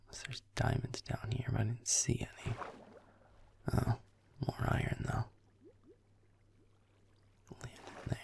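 In this intimate audio roleplay, a young man plays a sardonic, grumpy werewolf boyfriend who mutters dryly as he plays a game. The murmur is breathy and gravelly, sitting at a medium pitch.

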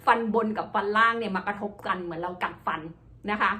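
Woman, casual pronunciation lesson, bright tone, repeats sounds slowly. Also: mid-range voice. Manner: chatty, repeats polite particles, models sounds slowly. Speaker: English teacher.

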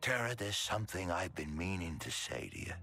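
A wistful old man from a cozy video game, speaking in a very deep, gravelly near-whisper. His delivery is slow and unhurried, yet the pitch rises and dips widely. A bright edge cuts through the soft rasp. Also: sing-song, soft background music, full character voice. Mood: sorrowful. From Hungary. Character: gentle old bearded man, wistful and warm-hearted.

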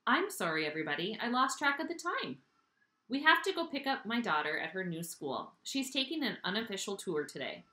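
A woman voicing a caring, gently concerned mother in a storybook reading, recorded in an echoey room. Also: medium pitch, sing-song, a little fast, pitched above the performer's own voice. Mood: apologetic. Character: caring, protective mother of a young boy.

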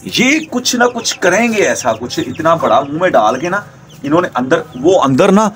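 A young man hosting a casual pet vlog at home, chatting excitedly and coaxing his animals. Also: fairly high pitch, moderate pace, a little hiss or hum. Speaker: pet vlogger.

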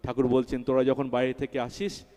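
A man's voice: medium pitch, completely flat delivery, a little fast, dark tone. A man preaching a devotional sermon with fervour, repeating key words and rising in emphasis, at a religious festival. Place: large hall at a religious festival. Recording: long hall reverb.

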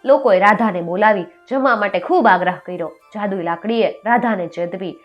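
A woman storyteller narrating a fairy tale in a steady, expressive manner. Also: mid-range voice, a little fast, dull audio, faint music behind.

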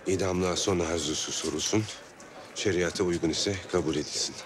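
An actor playing a stern judge in a historical drama, formal, deliberate and authoritative. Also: male voice, low voice, background noise, close to an everyday voice. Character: stern, formal male judge handing down orders.

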